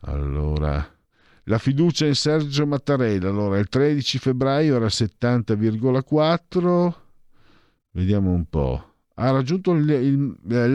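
Man, rattling off poll percentages, dry sound, low voice, wry asides. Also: darkish tone, smooth, no room sound, lo-fi sound. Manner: reads numbers in a brisk run with wry side remarks. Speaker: commentator reading out opinion polls. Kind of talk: casual reading of poll figures with asides.

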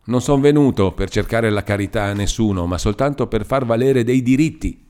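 A man's voice: mid-range voice, moderate pace, dark tone, smooth, natural voice. A man voicing a stubborn, mocking lame old man who talks shrilly and with a sneer. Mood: insistent.

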